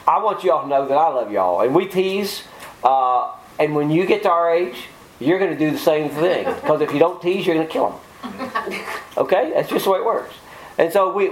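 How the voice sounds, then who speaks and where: A man's voice: a little high, poor audio. A middle-aged man preaches an informal sermon. He talks in a folksy way, teasing members of the congregation between verses. A faint ambient hum sits under his voice. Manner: folksy, joking asides to the congregation.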